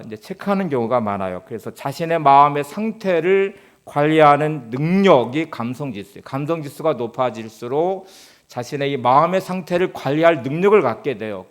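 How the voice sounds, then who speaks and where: A man preaching a Sunday sermon as pastor, calm and explanatory, often posing rhetorical questions. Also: mid-range voice.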